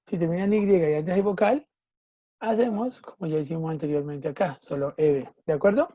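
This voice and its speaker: A woman teacher talks through a lesson in an online class. Her voice sits low and mellow and sounds close and dry. She keeps checking that her students follow along. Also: fairly quick, no room sound. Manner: patient, checks understanding often with "¿sí?" and "¿listo?". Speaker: English teacher.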